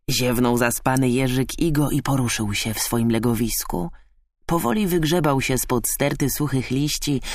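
A man narrating a children's animal story in an expressive, lively way. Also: mid-range voice, dry recording, clean studio sound.

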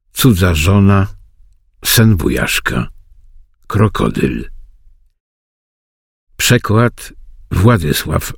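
A man announcing an audiobook's title in a slow, measured way, in a dry studio recording. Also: deep voice, vocal fry, breathy edge, no room sound.

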